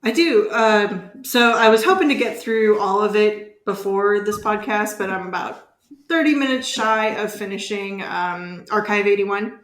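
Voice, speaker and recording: A woman's voice: medium pitch, measured pace, fairly bright tone. A woman co-hosting a podcast, talking loosely and trailing off with fillers. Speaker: podcast co-host. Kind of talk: casual podcast chat. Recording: roomy echo on the voice.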